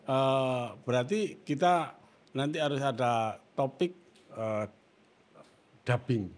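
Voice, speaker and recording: A man hosts a casual conversation. He speaks in a middle register, thinking aloud with frequent pauses and fillers. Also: medium pitch. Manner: thoughtful, hesitant with many fillers. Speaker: host. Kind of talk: casual chat.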